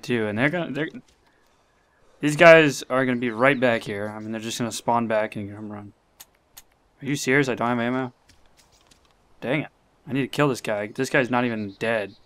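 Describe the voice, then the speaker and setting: A young man commenting live on his gameplay, talking to himself and getting excited. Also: medium pitch, moderate pace, pauses often, smooth. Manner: excitable, talks to himself, swears and laughs.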